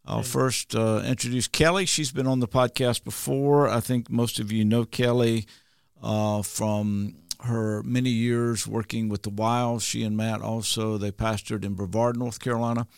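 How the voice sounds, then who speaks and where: A man hosting a podcast with a gravelly, creaky voice of ordinary pitch. He chats in a folksy way, loose and full of fillers. The sound is close and dry. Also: little pitch movement, normal speed, no echo. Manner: folksy, warm-hearted introductions with many fillers. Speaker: podcast host.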